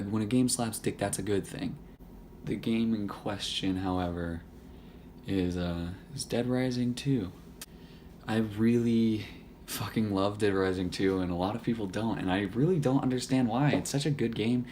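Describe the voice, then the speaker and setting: Young male YouTuber, hoarse with little voice left, low-pitched, loose and profane, slight room hum behind. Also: a little mellow. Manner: rambling, profane and joking. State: hoarse, voice nearly gone. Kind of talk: casual gaming chat to camera.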